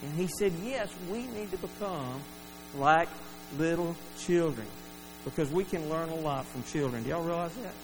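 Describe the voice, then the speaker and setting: A man's voice: fairly high pitch, animated, moderate pace. A man preaching a sermon, addressing his congregation as folks. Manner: earnest, acts out quoted lines. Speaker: pastor. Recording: reverberant hall with mains hum.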